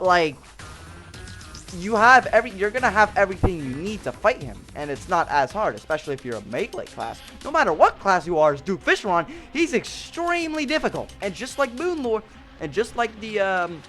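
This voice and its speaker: Young male gaming host, slightly high voice, rambling and filler-heavy, faint music underneath. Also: a bit bright. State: out of breath. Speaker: gaming youtuber. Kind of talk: casual ranking commentary.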